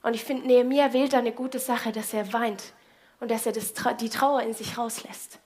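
High-voiced woman giving a casual devotional. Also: steady tone, normal speed, darkish tone. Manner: colloquial, addresses the listener with direct questions. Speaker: speaker of a Bible devotional.

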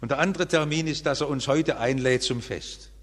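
Emphatic German pastor preaching in a hall. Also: male voice, moderate pace. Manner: emphatic preaching with wide swings in pitch and loudness. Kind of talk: sermon. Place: church. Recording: church hall reverb.

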